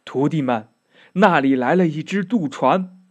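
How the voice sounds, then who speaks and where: A man voicing a gentle, timid monk who speaks softly and anxiously in a children's story. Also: a little high, a little slow. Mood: worried. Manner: soft, worried.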